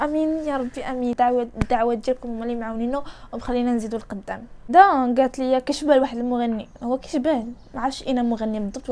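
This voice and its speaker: A woman's voice: fairly high pitch, darkish tone. A young Moroccan woman vlogging, chatting casually as she tells a personal story to her viewers and repeats her words for emphasis.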